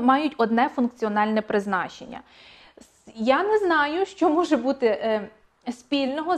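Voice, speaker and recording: A woman teacher giving an online exam-prep language lesson, speaking clearly and repeating key points for emphasis. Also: on the high side.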